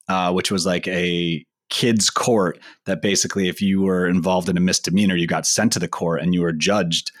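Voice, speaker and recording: Low-voiced chatty young man. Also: no echo, clean studio sound. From Philippines, raised in Oregon. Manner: chatty, rambling with fillers. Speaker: co-host. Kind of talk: casual podcast chat.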